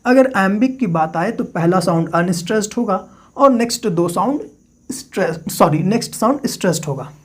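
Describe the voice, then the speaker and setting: Male literature teacher, lecture delivery; poses questions and answers them himself, repeats key terms slowly for dictation. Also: high voice, expressive, husky. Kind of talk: classroom-style lecture.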